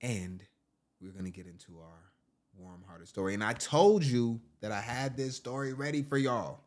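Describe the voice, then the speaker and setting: A man's voice: mid-range voice, normal speed. A man hosting a casual crime-news livestream, chatting to his viewers and calling them family. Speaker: livestream host.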